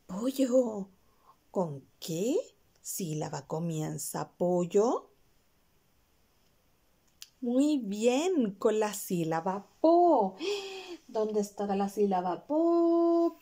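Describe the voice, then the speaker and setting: A woman's voice: mid-range voice, big pitch swings, slow pace, mellow. A young woman, a kindergarten teacher giving a video lesson to small children, drawing out each syllable and coaxing them with questions.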